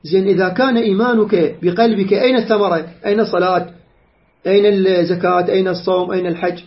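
A man's voice: high-pitched, steady tone, fast talker, muffled recording. A man giving an earnest religious lecture, explaining rulings point by point and citing sources.

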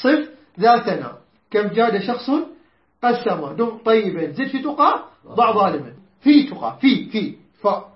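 High-voiced man teaching Quran recitation. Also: big pitch swings, reverberant, lo-fi sound. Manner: explains rules, then recites verses slowly and drawn out; quizzes students and corrects their pronunciation. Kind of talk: tajweed lesson to students.

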